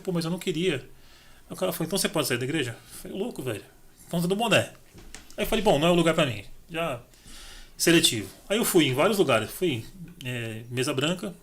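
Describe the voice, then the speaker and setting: A middle-aged man talks quickly and a little high, telling his story to a podcast host. He acts out each exchange and switches into the other people's lines as he goes. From Brazil. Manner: animated, acts out dialogue in his stories. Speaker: podcast guest. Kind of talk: casual storytelling.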